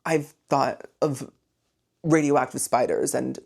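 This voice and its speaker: A woman quoting a dazed teenage girl in a flat, lowered murmur. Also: takes it slowly, gravelly, slightly rough, heavily acted. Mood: musing.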